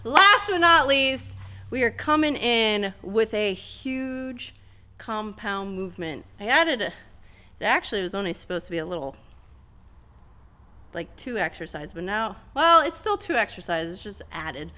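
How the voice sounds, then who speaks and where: Bright-voiced woman coaching a workout. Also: mid-range voice, very animated, measured pace. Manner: cueing exercises step by step. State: out of breath. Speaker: fitness coach. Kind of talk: workout instruction.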